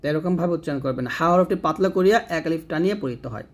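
Male recitation teacher, fairly high voice, patient, repetitive demonstrations. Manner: slow, repetitive, demonstrates letter sounds; addresses viewers directly. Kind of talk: tajweed lesson.

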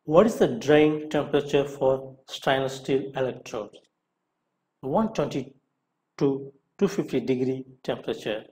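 With a warm, mid-range voice, a man acting as instructor reads scripted questions aloud and answers each one briefly, in a deliberate manner.

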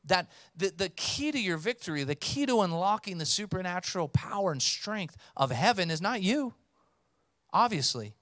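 A man in his thirties preaches from a church stage into a handheld microphone, his voice sitting fairly high for a man. He speaks with emphatic force and calls the congregation to respond. The sound is dry and close, with little room echo. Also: fairly bright tone. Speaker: pastor. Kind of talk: sermon. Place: church stage with blue lighting.

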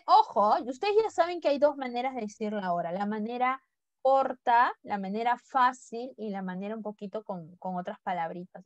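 Her voice is a little high, and the recording is lo-fi with no room sound. She teaches English to an online class, speaking largely in Spanish and coaxing students to echo words back to drill their pronunciation.

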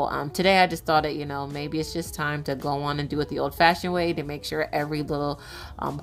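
Brief: woman in her thirties, low voice, casual vlog voice-over, lots of "um", faint music under. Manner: chatty, many "um" fillers. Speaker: vlogger, mother.

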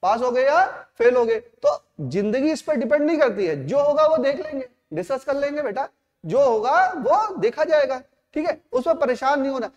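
A man's voice: very high voice, expressive, normal speed, darkish tone, highs cut off. A male coaching teacher giving a fatherly, repetitive motivational talk to his students in a classroom. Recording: echoey hall.

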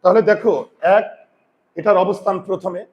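A male grammar teacher giving a lesson, repeating key terms slowly, counting aloud and telling students to write things down. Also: high voice, fairly even intonation, dull audio. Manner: counts aloud and asks rhetorical check questions. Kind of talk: classroom-style grammar lesson.

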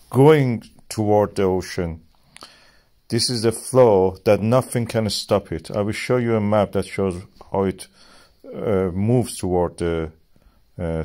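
A man's voice: lowish voice, darkish tone. A middle-aged man narrating a science explainer as channel host, with non-native phrasing and emphatic rises on key words.

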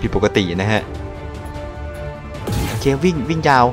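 A young man giving excited let's-play commentary to his viewers. He often shouts and laughs. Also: unhurried, over music. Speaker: gaming YouTuber.

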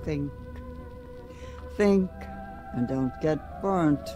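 An actress playing an eerie old fortune teller in a video game, speaking mysteriously and coaxingly with deliberate pauses. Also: female voice, deep voice. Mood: ominous, coaxing. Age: older. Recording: music faintly underneath.

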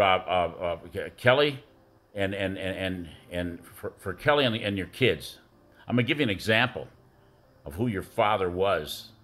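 Speaking in a low, somewhat bright voice, a middle-aged ex-coach of youth football rambles through a birthday tribute. His stories drift from one old tale to the next, full of fillers.

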